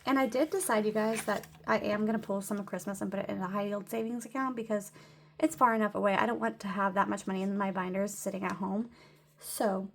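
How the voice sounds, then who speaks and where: A woman's voice: mid-range voice, fairly even intonation, fast, vocal fry, slight background noise. A young woman vlogging her weekly cash budget, chatty and a little breathless as she counts bills aloud and laughs often. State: slightly out of breath. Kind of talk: casual budget vlog narration.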